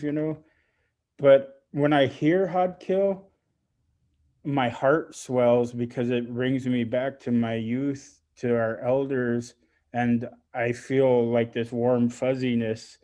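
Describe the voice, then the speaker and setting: A middle-aged man from Alaska speaking with heartfelt emotion on a panel, halting often and restarting his sentences. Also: mid-range voice, warm tone. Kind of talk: heartfelt personal remarks on a panel.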